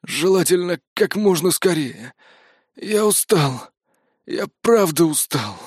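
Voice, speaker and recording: A man's voice: extremely high pitch, lively intonation, normal speed, dry recording, studio quality, pitched above the performer's own voice. A man voicing a dying male mercenary who groans and pleads in an audiobook. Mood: weary. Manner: groaning, pained.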